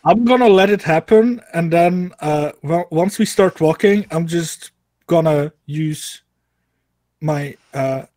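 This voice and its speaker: Man, tabletop player, slightly high voice, casual chat, dry sound. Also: slow, a little mellow, no echo.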